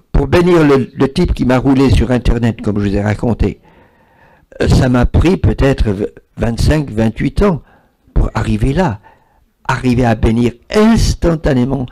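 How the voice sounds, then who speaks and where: A man's voice: mid-range voice, animated, measured pace, dark tone. A man, giving a spiritual talk and taking questions from an audience, repeating words for emphasis. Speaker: spiritual speaker.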